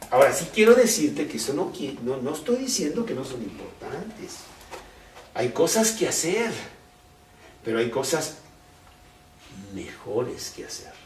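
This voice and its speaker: A man preaching a conversational, animated sermon, full of rhetorical questions. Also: on the high side, measured pace, long pauses, slight background noise. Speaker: pastor. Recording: roomy, distant mic.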